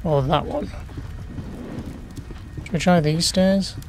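This gaming YouTuber speaks slowly in a slightly high voice, with faint music behind him. He offers relaxed let's play commentary on a horror game, murmuring questions to himself as he looks around.

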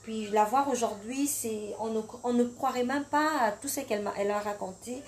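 Woman interviewer, effusive and chatty, higher voice, faint noise. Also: normal speed, a little mellow. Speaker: host, teacher.

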